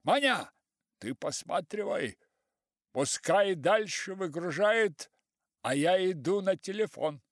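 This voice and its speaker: A man voicing an excitable, boastful middle-aged farm manager who talks loudly and fussily. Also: slow, no room sound, studio quality, exaggerated voice. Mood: fussy, proud. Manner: shouts high down a crackly phone line.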